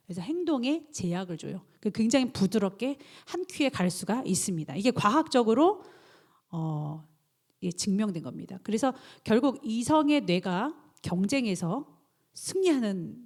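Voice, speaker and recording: A woman pastor preaching a sermon, animated and acting out inner self-talk in quoted voices. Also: fairly high pitch.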